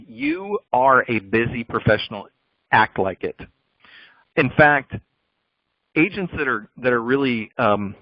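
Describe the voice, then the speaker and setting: A man's voice: fairly low pitch, no echo. A man giving a recorded sales training talk over slides, coaching in a direct, instructive way. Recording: dull lo-fi dry audio.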